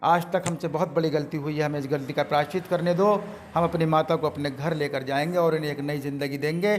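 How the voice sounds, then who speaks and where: A man's voice: a little high, steady tone, quick pace, a little hiss or hum, lightly acted. A man reading as a remorseful wife. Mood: penitent. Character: remorseful wife begging forgiveness.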